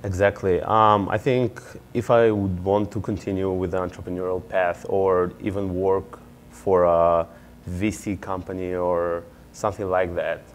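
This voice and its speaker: Very deep-voiced man. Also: a little hiss or hum. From Israel. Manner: earnest, explanatory, with occasional fillers. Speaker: MBA student and startup founder. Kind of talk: answering interview questions.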